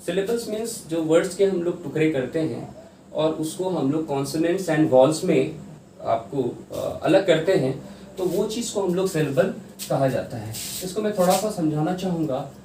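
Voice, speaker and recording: A man's voice: fairly high pitch, expressive, measured pace, mellow. A man teaching an exam-prep English class in mixed Hindi and English, explaining step by step and sounding out words syllable by syllable. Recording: roomy echo, distant mic, faint hiss.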